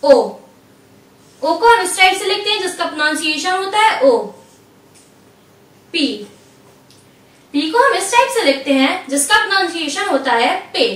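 A woman with a very high, bright voice teaches a step-by-step language lesson, slow and patient, repeating each letter. She sits a little back from the mic in an echoey room. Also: animated, far from the mic.

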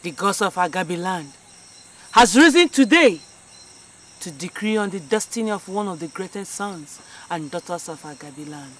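A man's voice: high voice, animated, moderate pace, fairly bright tone. A man with a Nigerian accent playing a solemn fortune teller who makes cryptic pronouncements for the gods in a village epic film. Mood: portentous. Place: inside a thatched shrine hut.

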